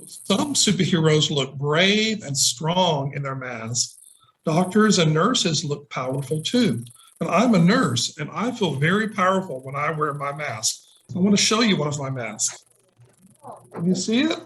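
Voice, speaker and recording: On a clicky, noisy video call, a middle-aged man who works as a nurse visits as a guest reader, sharing a picture book with young children and quizzing them simply. His voice leans high and has a fairly bright tone.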